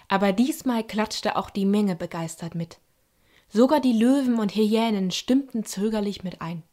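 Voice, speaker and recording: Woman, bedtime storyteller, calm, soothing, medium pitch. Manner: calm and soothing, voices characters lightly. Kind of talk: gentle bedtime story narration.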